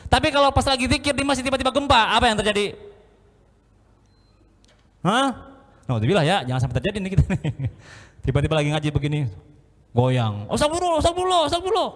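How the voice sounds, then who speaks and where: Preacher guy telling funny stories, acts out scenes, voice a bit high, big echoey hall. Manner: animated storyteller, acts out scenes and chants. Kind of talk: lively Islamic sermon with jokes.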